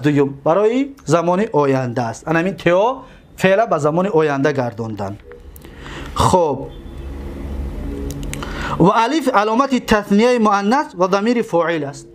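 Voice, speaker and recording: Male teacher, higher register, methodical and repetitive classroom delivery. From Tajikistan. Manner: explains step by step, repeats terms, asks students questions. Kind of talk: classroom grammar lesson.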